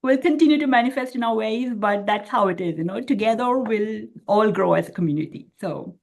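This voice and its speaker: A woman's voice: fairly high pitch, a little fast, gravelly, darkish tone. A woman host closing an interview with appreciative thanks. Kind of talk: interview wrap-up.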